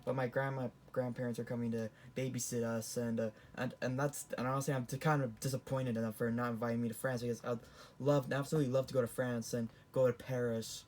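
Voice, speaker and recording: A man's voice: mid-range voice, level tone, fast talker, darkish tone. Rambling teen boy. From Canada. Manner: rambling, with frequent restarts and self-corrections. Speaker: vlogger. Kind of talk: casual tier-list commentary.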